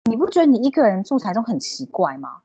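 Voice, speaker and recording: A woman's voice: fairly high pitch, big pitch swings, fast, dark tone, slightly rough, dry recording, exaggerated voice. A woman voicing a pushy middle-aged female matchmaker who talks in a blunt, needling, condescending way. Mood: prying.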